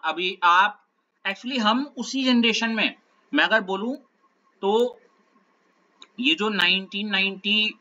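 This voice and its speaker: A man's voice: high voice, bright, forceful tone, muffled recording. A male teacher giving a conversational classroom talk, often checking that his students are following. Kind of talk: classroom talk, lecture digression.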